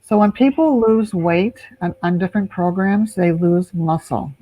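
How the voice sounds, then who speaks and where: A woman's voice: fairly low pitch, measured pace, dark tone, no echo, rough recording. A woman guest on a live video call who talks about health in a chatty way, with frequent restarts. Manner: chatty, restarts, laughs easily. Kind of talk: casual live video chat.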